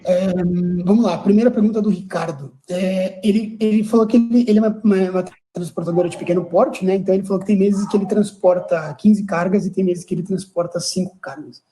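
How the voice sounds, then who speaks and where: A man's voice: high-pitched, steady tone, fast, few pauses, warm tone, a little hiss or hum, low-quality recording. A man hosting a webinar who reads out audience questions and rambles, repeating words as he goes. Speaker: webinar host. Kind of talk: moderating a webinar.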